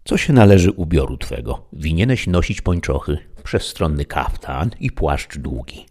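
Man doing Don Quixote, low husky knight. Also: animated, moderate pace, a little mellow. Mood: solemn. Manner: solemn archaic admonishing. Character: aging idealistic knight, lofty and quick-tempered.

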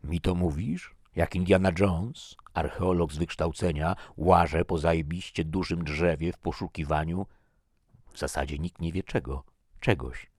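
A man's voice: low voice, unhurried, a little mellow, dry recording, studio quality. A man voicing a sardonic male archaeologist in an audiobook reading. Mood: wry. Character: wry young male Polish archaeologist.

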